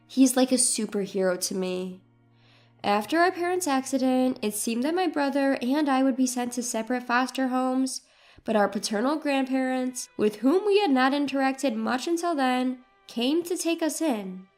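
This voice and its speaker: A woman in her twenties narrating a story in the first person with a steady, even delivery. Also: high-pitched. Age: 20s.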